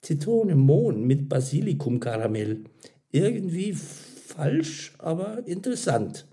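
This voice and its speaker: A man voicing a calm, witty woman in a read-aloud story, speaking dry and teasing. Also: on the high side, unhurried, voice pushed up. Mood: musing.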